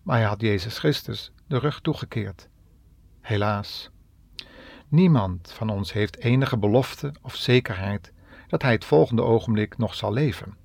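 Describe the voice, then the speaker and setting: A man delivers a devotional radio message with a gravelly, slightly husky voice at a medium pitch. He speaks earnestly and addresses the listener directly. The recording is dry and close. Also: unhurried, darkish tone, no echo. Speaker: radio preacher.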